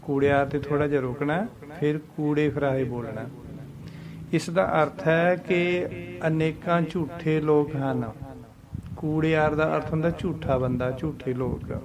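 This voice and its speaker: A man teaching scripture pronunciation, patiently chanting verses slowly and explaining them. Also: on the high side, fairly even intonation, a crowd in the background.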